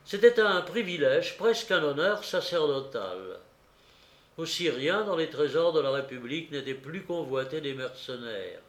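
A man reading a classic novel aloud in a slow, measured narration, lifting his voice for quoted shouts. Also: fairly high pitch, very animated, echoey room. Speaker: audiobook reader. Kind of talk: literary narration.

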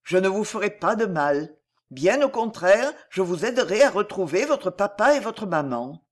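A woman voicing a gentle, sad young boy who looks like a bear, speaking softly and sadly. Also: mid-range voice, big pitch swings, moderate pace. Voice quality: soft and sad.

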